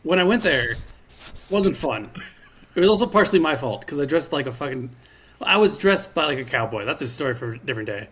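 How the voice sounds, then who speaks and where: A man's voice: mid-range voice, lively intonation, fairly quick, a bit bright, breathy edge. A man co-hosting a podcast in casual chat, rambling, laughing often and swearing casually. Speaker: podcast co-host.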